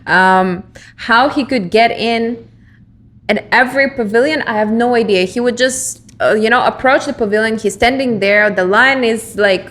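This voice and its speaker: A woman co-hosts a podcast in easy, casual conversation. She tells stories with lively energy and lots of fillers, and she often searches for words mid-sentence. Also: on the high side, normal speed. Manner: animated storytelling with many fillers. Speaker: podcast co-host. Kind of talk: casual chat.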